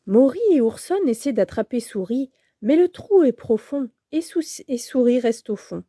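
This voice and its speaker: A woman narrating a children's storybook in a slow, gentle, expressive way. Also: fairly high pitch, no room sound, clean studio sound.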